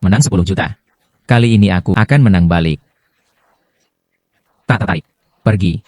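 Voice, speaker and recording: A man's voice: low voice, moderate pace, darkish tone, no echo, studio quality. A man voicing a stern father and chairman in a dubbed drama, curt and clipped. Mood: taunting.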